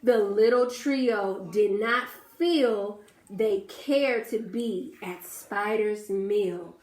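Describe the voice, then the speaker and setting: A woman teacher with a medium-pitched voice reads a picture book aloud to children extremely slowly, coaxing them to count along and asking them questions. The recording has a roomy echo.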